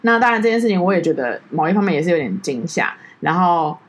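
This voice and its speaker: Brief: woman podcast co-host, quick, lowish voice, lively storyteller who sinks quiet at grim moments. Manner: animated storytelling, drops low and soft on heavy moments. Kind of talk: casual chat.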